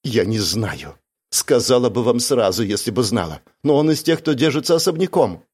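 A man's voice: medium pitch, expressive, moderate pace, a little mellow, slightly rough. A man doing a tearful, frightened young woman. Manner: pleading, breathless swearing.

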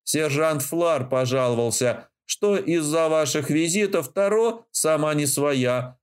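A man's voice: a little high, slow pace, smooth. A man voicing a pompous older male rear admiral who lectures his subordinates in an audiobook. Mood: lecturing. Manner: lecturing, self-important.

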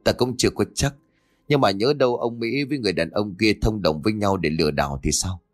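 A man's voice: fairly low pitch, close to an everyday voice. A man playing a skeptical young man who doubts a ghost-catching trick. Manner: skeptical, brisk.

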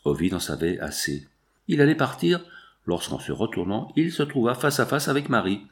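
Man narrating a novel, expressive, lively pitch, gravelly. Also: moderate pace. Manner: expressive, storytelling. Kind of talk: audiobook narration.

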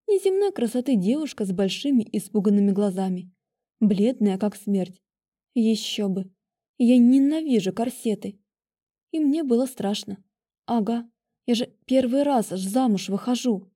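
A woman reading a first-person story aloud with lively, expressive delivery. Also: a little high, normal speed. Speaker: audiobook reader. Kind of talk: first-person audiobook narration.

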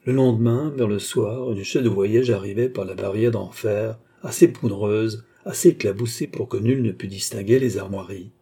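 A man reading a classic novel aloud in measured scripted narration, lifting his pitch for the characters' lines. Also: fairly even intonation, warm tone, husky. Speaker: audiobook reader.

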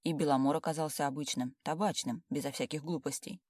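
A woman narrating a first-person audiobook with lively, wry storytelling. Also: deep voice, fast talker, no echo, clean studio sound.

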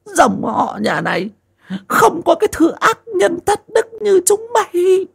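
A man voicing an old mother, righteous and grieving, who scolds her wicked son in shrill, wailing cries. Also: wildly swooping pitch, measured pace, creaky, exaggerated voice. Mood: furious.

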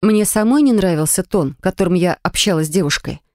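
A woman's voice: lowish voice, animated, fairly quick, darkish tone, no room sound, studio quality. A woman reading scripted first-person fiction as an audiobook narrator.

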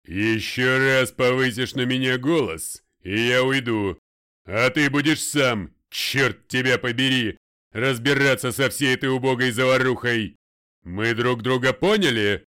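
A man voicing a domineering older male lawyer in an audiobook, loud, commanding and deliberate. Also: medium pitch, clear, resonant tone, close to an everyday voice. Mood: furious. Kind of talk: audiobook character voice.

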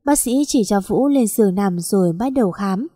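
A woman's voice: mid-range voice, expressive, normal speed, mellow, no room sound, studio quality. A woman narrating a sad story in a plaintive, emotional reading.

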